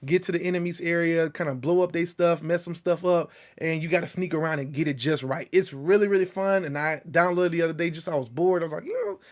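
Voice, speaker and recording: Animated male VR show co-host. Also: on the high side, quick pace, few pauses. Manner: excitable, animated storytelling with slang. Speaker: podcast co-host. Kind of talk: casual show chat.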